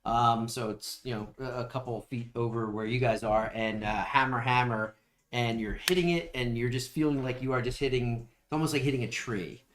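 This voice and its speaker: A man's voice: mid-range voice, steady tone, brisk, a bit bright, a little hiss or hum. A man running a tabletop game as game master, describing monsters and rules in a loose, rambling way with many ums. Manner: rambling, full of ums and likes. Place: room around a game table.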